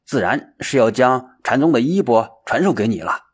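A man's voice: medium pitch, normal speed, husky. A man voicing an impulsive young male monk who talks eagerly and bluntly. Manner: excited, blunt.

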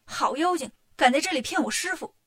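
Woman doing a bold brisk monkey king. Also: high-pitched, lively intonation, a bit bright. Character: monkey king, bold quick male monkey hero.

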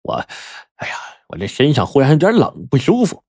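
A man's voice: mid-range voice, huge pitch swings, fairly quick, a little mellow, husky, no echo, studio quality, voice pushed up. A man doing a fussy, sly con man. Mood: uneasy. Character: sly middle-aged male con man.

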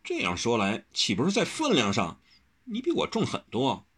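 A man voices a fussy young swordsman who whines and protests at every turn, pitched well above a normal speaking voice, his tone leaping up and down. The voice carries a husky grain. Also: huge pitch swings, fairly bright tone, heavily acted. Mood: indignant. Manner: fussy, whiny, quick to protest. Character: petulant, sharp-tongued young male swordsman.

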